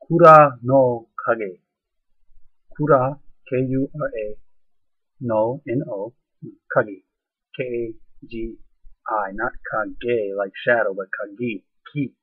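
Man, husky voice, loose rambling lesson-giver, dry phone-like recording. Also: medium pitch, dry recording. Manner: rambling, frequent "okay" and fillers, spells out words. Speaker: channel host explaining ninja history. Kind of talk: casual explanatory lesson. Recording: dry, phone-like narrow sound.

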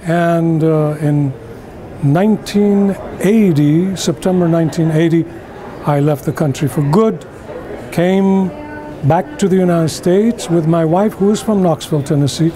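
This older interviewee, originally from Iran and a first-language Persian speaker, talks unhurriedly about his life story for the camera. The setting is an indoor conference venue with crowd noise, and his accented voice is a little high.

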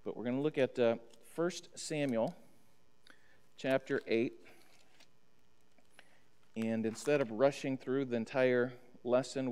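The voice is on the low side, darkish and clean: a middle-aged American pastor teaching a Bible study lesson from the sanctuary pulpit. He reads scripture aloud and checks in with listeners in a teacherly manner, recorded through a pulpit stand mic and a distant camera with long reverb filling the church hall.

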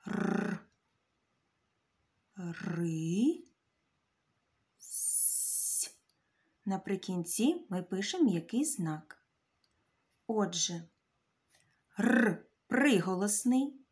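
A woman's voice: mid-range voice, a little mellow. A woman teacher giving a children's reading lesson, carefully sounding out letters and syllables and addressing the children directly.

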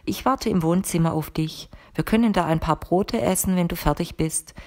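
A woman reader voicing a composed, mysterious woman who speaks calmly and firmly to her guest in an audiobook. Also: lowish voice, normal speed, lightly acted. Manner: calm, firm and matter-of-fact. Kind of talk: audiobook character reading.

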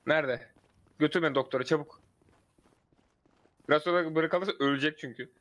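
A man in casual role-play chat, excitable and pleading, laughing often. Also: fairly high pitch, brisk.

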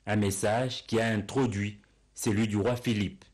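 A man reading a scripted news report in a steady, formal way. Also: fairly low pitch, measured pace.

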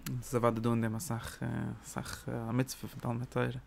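Gravelly-voiced man giving a religious lecture. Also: medium pitch, fairly quick, slight background noise. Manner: animated, emphatic bursts, mixes in English words. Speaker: Torah teacher.

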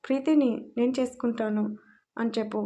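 A woman voicing a calm, self-assured young man who speaks matter-of-factly in a storybook reading. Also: fairly high pitch, a little fast, natural voice. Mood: cool. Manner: cool, matter-of-fact.

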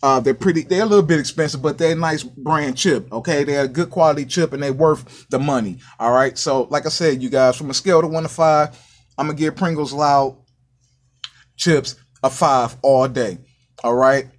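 A man's voice: on the high side, moderate pace. An American man hosting a casual food review vlog, upbeat and chatty, often addressing his viewers and dropping catchphrases. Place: small indoor counter by a sink.

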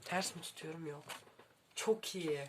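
A woman's voice: low-pitched, fairly even intonation, unhurried. A young woman unboxing books in a vlog, gushing and exclaiming over every detail. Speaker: book vlogger. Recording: clear background noise.

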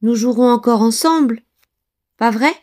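A woman voicing an excited little boy in a bedtime story. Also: a little high, a little slow, pitched above the performer's own voice, lightly acted. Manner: excited and bouncy.

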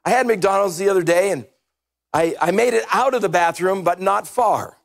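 A middle-aged man preaching a humorous, animated sermon on a church stage with a headset mic, now and then shouting his points. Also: sits high, moderate pace, vocal fry, background noise. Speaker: pastor.

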